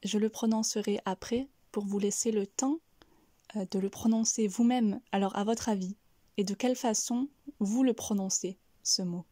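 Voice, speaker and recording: A woman giving a careful pronunciation lesson, breaking each word into syllables in a soft, breathy delivery. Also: mid-range voice, steady tone, normal speed, dry recording. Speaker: French pronunciation teacher.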